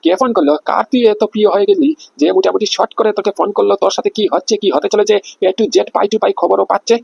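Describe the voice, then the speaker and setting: A man voicing a boastful, threatening male crime boss in a cartoon comedy, with a husky, gravelly voice. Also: sits high, very fast, darkish tone, no room sound, muffled recording, full character voice. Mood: interrogating. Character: menacing male crime boss, older brother.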